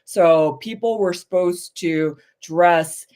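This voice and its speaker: On a casual chat show, this woman co-host speaks slowly in a darkish tone, frank and opinionated, her speech full of fillers. When she drives a point home, her pitch rises.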